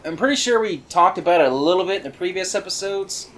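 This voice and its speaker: A man giving casual, rambling commentary on a video game he is playing, full of fillers and excited asides. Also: sits high, fast talker. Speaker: let's play commentator.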